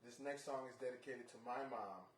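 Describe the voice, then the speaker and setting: A man talking casually between songs on a live stream, relaxed and rambling, with many fillers and restarts. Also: mid-range voice, brisk. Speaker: jazz bassist. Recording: roomy, distant mic with faint noise.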